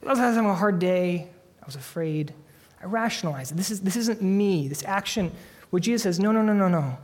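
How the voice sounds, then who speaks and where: A man delivers a sermon in an earnest, emphatic way, drawing out important phrases slowly for weight. His voice sits a little high for a man. The sound carries a long reverb, like a large church hall. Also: lively intonation, darkish tone. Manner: earnest, emphatic preaching with slow dramatic pauses. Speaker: pastor.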